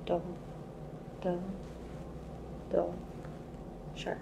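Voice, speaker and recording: A woman answers as an exam patient in quiet ASMR style, slow and very flat in pitch, with a creaky tone. Her replies are brief and subdued, under loud background noise. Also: highs cut off. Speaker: patient being examined.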